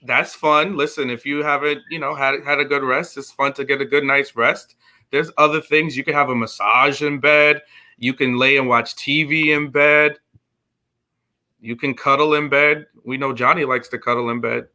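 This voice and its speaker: Man, co-host, very bright tense voice, joking, reading comments. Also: mid-range voice, fairly even intonation, normal speed. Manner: joking, reads viewer comments. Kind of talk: casual chat.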